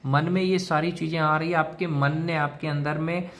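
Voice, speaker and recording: A man's voice: a little high, fairly even intonation, normal speed, a crowd in the background. A man giving a direct-to-camera advice monologue, lecturing in a repetitive way and talking to the listener like a brother. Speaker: self-help video host.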